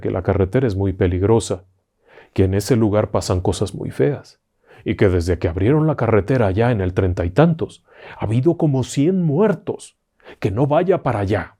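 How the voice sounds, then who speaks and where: Mellow-voiced male ghost storyteller. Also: on the low side. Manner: animated, acts out the dialogue with filler phrases. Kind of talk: spoken ghost story narration.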